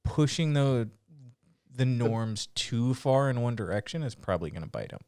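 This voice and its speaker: A man co-hosting a casual podcast, laid-back and measured, often murmuring agreement while his co-host talks. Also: mid-range voice, big pitch swings, a little mellow, clean tone, no room sound, studio quality. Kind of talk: casual chat.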